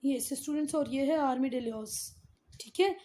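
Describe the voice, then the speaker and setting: A woman with a high, warm voice teaches geography at a moderate pace. Her Hindi is laced with English terms, and she repeats key words while lovingly quizzing the children.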